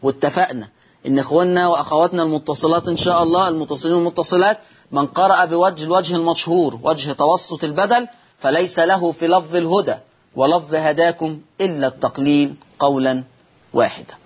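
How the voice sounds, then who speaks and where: Husky Egyptian man teaching Quran recitation. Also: fairly high pitch, fairly even intonation, fast talker. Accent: Egyptian Arabic. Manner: explains step by step, asks and answers his own questions. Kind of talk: TV lesson on Quran reading rules.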